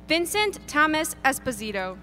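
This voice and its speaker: A woman reading graduates' names at an outdoor graduation ceremony, announcing each one deliberately. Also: sits high, sing-song, bright, forceful tone, soft background music. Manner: deliberate, lilting name announcing. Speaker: graduation name reader. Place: outdoor stadium ceremony over PA.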